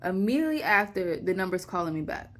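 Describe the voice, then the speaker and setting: A young woman, telling a personal story to camera and acting out phone calls in lively retellings. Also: on the low side, fast talker. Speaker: vlogger.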